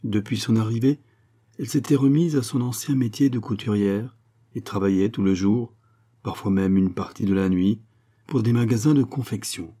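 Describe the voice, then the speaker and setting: A man narrating a classic novel as an audiobook, reading in a measured, even way. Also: lowish voice. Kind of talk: scripted literary narration.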